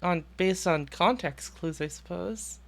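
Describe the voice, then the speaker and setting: A woman's voice: fairly low pitch, measured pace, creaky. A woman streamer chatting casually as she reacts to a game. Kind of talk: casual chat, live reaction.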